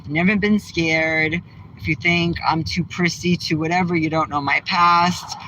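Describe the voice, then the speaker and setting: A woman's voice: fairly low pitch, fairly even intonation, measured pace, bright, forceful tone, highs cut off, a little hiss or hum. A woman from Massachusetts hosting a casual livestream, bluntly firing back at viewers' comments from her car. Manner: brash, outspoken, trash-talking. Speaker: livestream host. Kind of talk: casual live chat reading comments.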